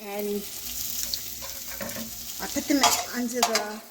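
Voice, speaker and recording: Speaking slowly in a mid-range voice, a mature Brooklyn-accented woman chats her way through cooking at home. The indoor apartment kitchen is echoey, the frying sizzle and stirring are clear, and the footage comes from a handheld camera with no tripod.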